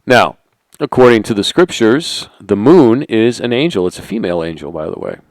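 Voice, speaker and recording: Deep-voiced man with rhetorical questions. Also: animated, normal speed, no echo. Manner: conspiratorial, rhetorical questions, drops to quiet asides. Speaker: channel host. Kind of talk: monologue to camera.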